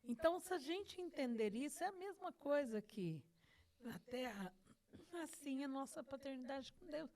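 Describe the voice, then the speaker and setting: A woman's voice: high voice, lively intonation, moderate pace, darkish tone. A middle-aged woman host sharing an emotional personal testimony, earnest and repeating phrases for emphasis. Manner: acts out her own past words to God.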